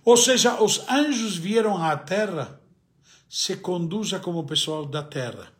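A rabbi, a native Spanish speaker with an Argentine accent, teaches the weekly Torah portion in a high-pitched, animated, slightly slow voice. He poses his own questions and answers them, hesitating often.

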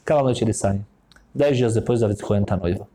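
A man with a Brazilian Portuguese accent telling a story in a sermon, animated and peppered with Hebrew terms. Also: on the low side, fast talker. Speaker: religious speaker.

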